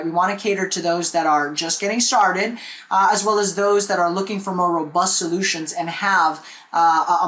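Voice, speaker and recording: A man with a high, somewhat bright voice leads a live online marketing webinar in a chatty style, peppering it with "okay?" and "right?" He is from the Philippines and is recorded on a desk webcam in a small indoor room with a whiteboard.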